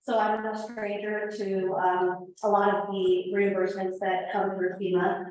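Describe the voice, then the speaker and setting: A woman's voice: mid-range voice, little pitch movement, measured pace, a little mellow. A woman from El Salvador introducing herself as new staff at a meeting, nervous and hesitant. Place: large meeting room. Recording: echoey dull meeting room audio, faint hiss.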